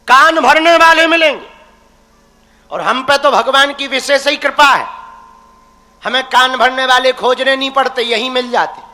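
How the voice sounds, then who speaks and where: A man's voice: extremely high pitch, sharp tone. A young man preaching a devotional sermon, teasing and folksy, calling his listeners his crazy ones. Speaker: religious preacher. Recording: long hall reverb.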